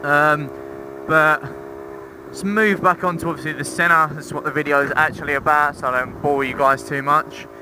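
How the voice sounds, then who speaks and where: A young motorcycle vlogger talks casually into a helmet intercom mic while riding outdoors on roads, rambling through a review with some swearing and self-mockery. His voice is a little high with fairly even intonation at a moderate pace, and loud engine and road noise fill the recording.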